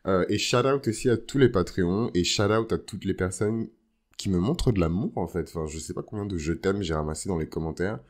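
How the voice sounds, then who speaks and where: A man's voice: sits low, a little fast. A man hosting an astrology podcast as a casual, informal monologue, dropping bits of English slang into his talk. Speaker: podcast host.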